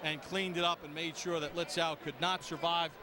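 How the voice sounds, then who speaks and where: A man's voice: a little high, flat delivery, normal speed. A man giving live boxing commentary in an emphatic, polished broadcast delivery. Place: ringside at a boxing arena. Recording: noisy arena ambience.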